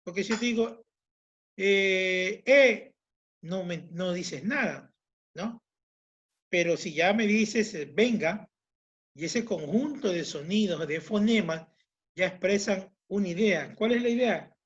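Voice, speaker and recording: A man's voice: sits high, unhurried, highs cut off. A man teaching a language class, explaining patiently and repeating his points with everyday examples. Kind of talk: online class lecture.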